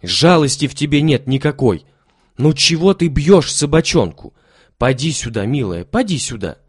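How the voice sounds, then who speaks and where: A man voicing a kind, caring woman who talks gently and coaxingly in a storybook reading. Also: mid-range voice, sing-song, normal speed, slightly rough, no echo, clean studio sound, pitched above the performer's own voice. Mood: indignant. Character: kind, caring middle-aged woman host.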